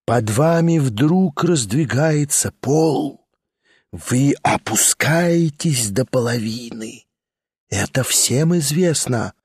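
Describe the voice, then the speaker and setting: A man reading an audiobook, voicing a frightened, tearful aging gentleman who pleads in a hushed, anxious way and drops in French phrases. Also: on the high side, lively intonation, slow, no echo, studio quality.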